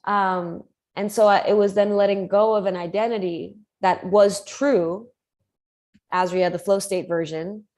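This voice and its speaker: This woman's voice sits at medium pitch, mellow in tone, with fairly even intonation and a measured pace. Speaking earnestly over a live video call mic, she muses about commitment as a coach, frequently restarting and using fillers.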